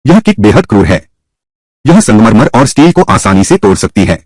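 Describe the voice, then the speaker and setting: A man voicing a Hindi dub of a short drama with a husky, theatrical delivery. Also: on the low side, very animated, normal speed, a little mellow, dry recording. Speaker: dub voice actor.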